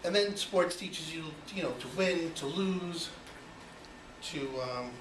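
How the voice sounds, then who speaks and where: A man's voice: a little high, slow pace. A Cuban-born man in his forties giving a personal speech to an audience, chatty and full of you-knows. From Cuba. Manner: conversational, many you-knows, rhetorical questions. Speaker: speaker giving an icebreaker speech. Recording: echoey room, voice from far off, noisy.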